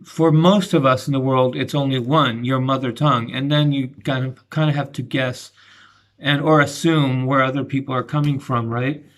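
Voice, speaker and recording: A middle-aged man talking through a casual video commentary, halting and restarting often. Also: mid-range voice, fairly even intonation, fairly bright tone. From grew up between the United States and Argentina. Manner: halting, many restarts and fillers. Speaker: channel host giving commentary.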